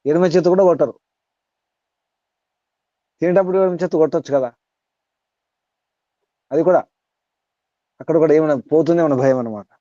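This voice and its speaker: A man teaching to a group on a call, asking listeners direct questions and reciting verses slowly. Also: on the high side, warm tone, no room sound, dull audio. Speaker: spiritual teacher. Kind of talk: teaching over an online call.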